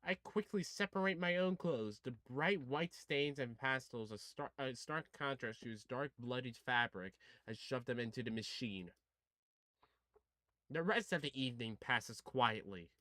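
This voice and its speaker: A gaming video host reads a visual novel aloud and throws in slangy, casual commentary, stumbling over words now and then. The voice is mid-range, a bit bright and a little slow, recorded with no room sound while music plays in the background.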